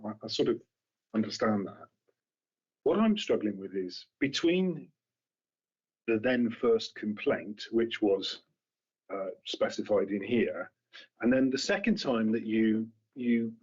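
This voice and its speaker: A man's voice: lowish voice, expressive, slow, pauses often, slightly rough. A man on a council committee, questioning a colleague and restarting his questions as he searches for words. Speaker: committee member. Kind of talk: formal questioning. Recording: dull lo-fi meeting room audio.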